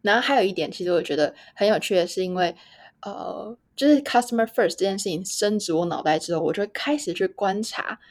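A woman's voice: mid-range voice, fairly quick, dry recording, clean studio sound. A woman hosting a casual podcast interview, chatting and laughing at herself now and then. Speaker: podcast host.

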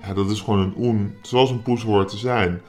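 Man, anonymous interviewee, deep pitch-shifted disguise, low voice, hesitant with fillers, faint music underneath. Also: steady tone, normal speed, a little mellow. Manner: hesitant, many filler sounds. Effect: voice disguised, pitch-shifted deeper. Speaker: anonymous interviewee, cat owner. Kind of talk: casual interview chat.

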